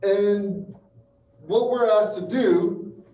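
A distant camera mic picks up a thirties-aged man's high-pitched, mellow voice as he gives a calculus lecture, talking through the steps haltingly and frequently checking in with the class. The small room holds a chalkboard and projector, and the audio is muffled and roomy with hiss.

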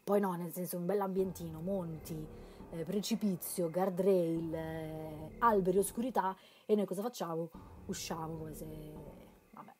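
An Italian woman translating and reading a horror game aloud, moving between quiet narration and loud joking remarks. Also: lowish voice, unhurried, faint music behind. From Italy. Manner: reads narration softly then breaks into loud, playful commentary. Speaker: let's play host translating a game aloud.

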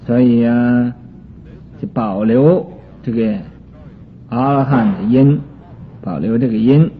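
A man giving a Buddhist sutra commentary lecture, explaining terms slowly with many drawn-out fillers. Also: mid-range voice, a little hiss or hum. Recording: tinny lo-fi recording with faint music.

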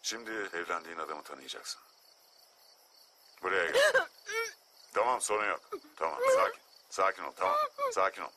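A man's voice: low voice, wildly swooping pitch, moderate pace, pauses often, pushed and bright, a little hiss or hum, exaggerated voice. A man dubbing a menacing armed kidnapper in a thriller, threatening and coldly taunting. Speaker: villain in a dubbed thriller. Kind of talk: film dubbing.

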